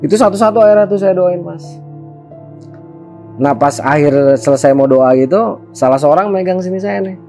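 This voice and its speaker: A man with a Jakarta accent tells a story in an animated, slangy, chatty way. His voice sits a little high for a man, yet has a warm, mellow tone. Soft music plays faintly behind him. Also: moderate pace, long pauses. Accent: Jakarta Indonesian. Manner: animated, slangy, addresses the host as Mas. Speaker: guest. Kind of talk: casual storytelling.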